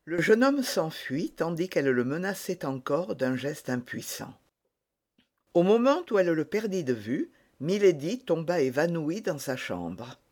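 Slow, lively male narrator. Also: fairly high pitch. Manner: slow, measured reading. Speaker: audiobook narrator. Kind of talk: scripted narration.

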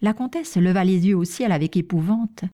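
A woman narrating a classic novel as an audiobook, in a measured, even reading. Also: fairly low pitch. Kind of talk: scripted literary narration.

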